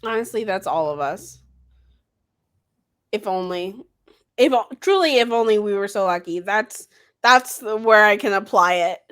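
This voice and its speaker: A woman's voice: mid-range voice, lively intonation, unhurried, pauses often, a bit bright. A woman co-hosting a podcast, chatting casually with wry, offhand banter. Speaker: podcast co-host. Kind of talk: casual chat.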